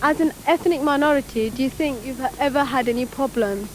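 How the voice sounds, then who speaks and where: High-voiced woman presenter asking questions. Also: brisk, a little hiss or hum, low-quality recording. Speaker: TV programme presenter, interviewer. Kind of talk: interview questions.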